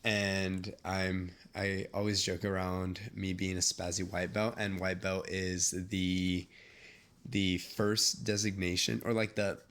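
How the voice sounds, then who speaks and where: Low-voiced young man hosting, rambling. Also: flat delivery, a bit bright. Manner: rambling, halting, lots of fillers. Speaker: podcast host. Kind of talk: casual interview.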